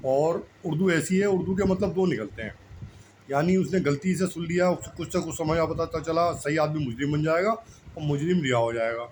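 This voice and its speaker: A channel host explaining language talks casually, telling repetitive, homespun anecdotes and often checking that the listener has understood. His voice is fairly high and slightly mellow at a normal speed, and the poor audio has a little hiss or hum.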